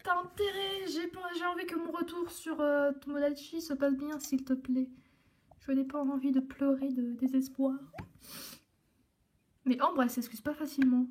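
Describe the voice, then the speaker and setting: High-voiced chatty young woman gamer. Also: moderate pace, a little hiss or hum. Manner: animated, rambling, self-talking with giggles. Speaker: gaming channel host. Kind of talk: chatty let's play commentary.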